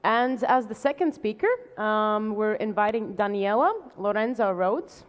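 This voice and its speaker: A woman moderating a tech panel, introducing guests with many fillers and a friendly, halting way of speaking. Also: mid-range voice. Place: conference stage. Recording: long hall reverb.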